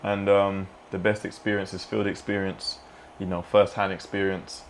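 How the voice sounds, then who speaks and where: A man with a very low, deep voice talks in a loose, rambling way, often dropping in "man" and "you know". It sounds like a relaxed vlog, with faint noise behind him. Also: moderate pace. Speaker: fitness vlogger and streamer. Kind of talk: casual mukbang vlog chat.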